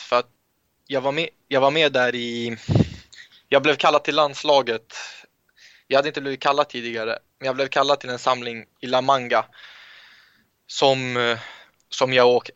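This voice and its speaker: A young man from Sweden, a footballer guest in an interview, telling relaxed anecdotes with frequent restarts. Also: mid-range voice, dry recording, highs cut off. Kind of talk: casual interview storytelling.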